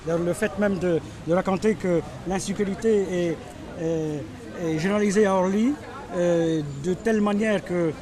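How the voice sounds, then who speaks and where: A man's voice: sits high, fairly even intonation, normal speed, a crowd in the background. A man giving an interview, hesitant and repeating words. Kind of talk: documentary interview.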